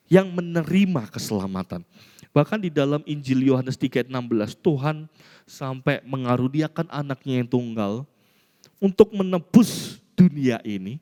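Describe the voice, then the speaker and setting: A male pastor from Indonesia preaching a sermon, telling personal stories in an animated way. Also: medium pitch. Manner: storytelling preacher, animated, mimics voices in anecdotes. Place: church hall. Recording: church hall reverb.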